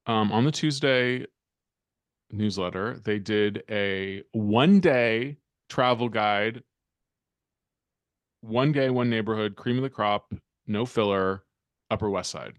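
A man's voice: lowish voice, slow pace, long pauses, dry recording. A man co-hosting a podcast in casual chat, rambling and laid-back with plenty of filler words. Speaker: podcast co-host.

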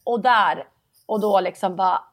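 Animated woman telling her story. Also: medium pitch. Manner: animated storytelling, acts out quoted dialogue. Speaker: interview guest, padel player. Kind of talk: casual interview.

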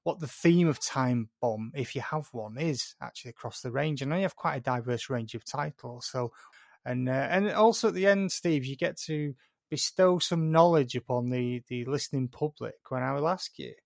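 Matey male podcast host, slightly gravelly. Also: medium pitch, moderate pace, dry recording, studio quality. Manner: matey, informal, mild swearing. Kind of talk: hosting a podcast interview.

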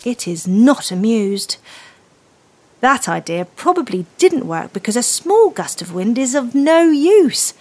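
Slow-paced woman telling a children's story. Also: on the high side. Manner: expressive, gentle storytelling addressed to children. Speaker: children's storyteller leading a guided breathing exercise. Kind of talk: scripted children's story narration with guided relaxation.

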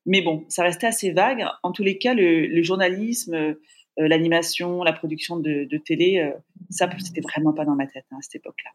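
Warm, reflective woman guest. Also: on the low side, brisk. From francophone Africa. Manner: warm, reflective, thinks aloud. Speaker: podcast guest, TV presenter. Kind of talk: casual remote interview.

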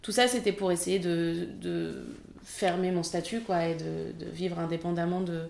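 A woman's voice: on the low side, steady tone, normal speed, gravelly, a little mellow, roomy sound, slight background noise. A French woman in her thirties, a film assistant director, chatting candidly in an interview with many fillers. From France. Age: 30s. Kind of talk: casual interview.

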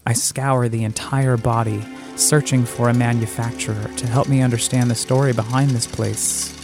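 With music in the background, a man from the US narrates a written first-person essay in a thoughtful, measured manner. His pitch is medium and his tone even.

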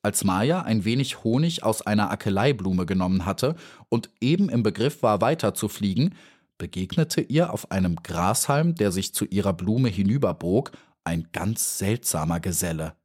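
A man narrating a children's audiobook in a calm, even storytelling manner. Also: lowish voice, moderate pace, slightly rough.

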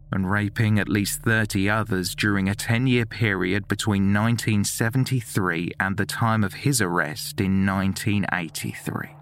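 A man reading a scripted true-crime narration in a measured, sober way. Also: fairly low pitch, fairly bright tone.

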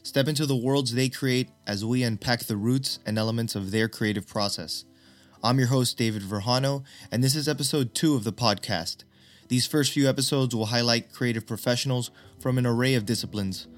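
A male podcast host reading a scripted intro in a smooth, measured way. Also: mid-range voice. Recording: intro read over background music.

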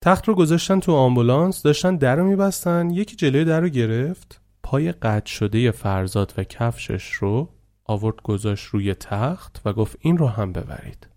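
A male storyteller narrates a dramatic story in a vivid, conversational manner. His voice is mellow and warm, with a dark tone. He has an ordinary pitch.

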